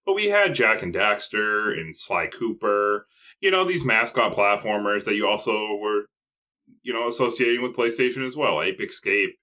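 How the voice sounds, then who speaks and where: A man co-hosting a casual gaming podcast, chiming in with quick agreement and lively remarks. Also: on the low side, muffled recording. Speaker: podcast co-host.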